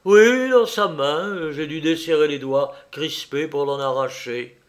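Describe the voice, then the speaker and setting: A man voicing a composed middle-aged magistrate in an audiobook, laying out facts in a measured way. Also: on the high side, natural voice. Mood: grave. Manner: measured, factual explaining. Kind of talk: audiobook character voice.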